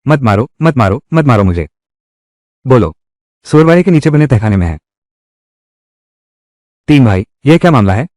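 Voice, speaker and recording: Man with a lively, varied pitch. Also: normal speed, pauses often, no room sound, studio quality. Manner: reads every part in one voice. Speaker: dubbing narrator. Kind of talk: Hindi drama recap dubbing.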